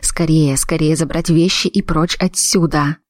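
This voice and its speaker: A woman narrating an audiobook in the first person with an even, measured reading. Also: deep voice, no room sound. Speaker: audiobook reader.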